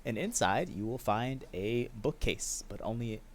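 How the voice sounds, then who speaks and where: A man narrating as game master in a tabletop game, describing scenes in a relaxed way. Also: mid-range voice, measured pace, slight background noise.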